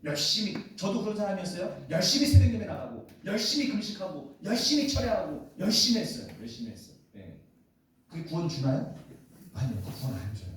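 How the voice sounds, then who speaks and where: A pastor preaches a revival sermon in a church sanctuary, his high-pitched, sing-song voice moving fairly quickly. He repeats phrases, asks the congregation rhetorical questions, and teases and jokes with them directly. The hall is very echoey, and he sounds far from the mic.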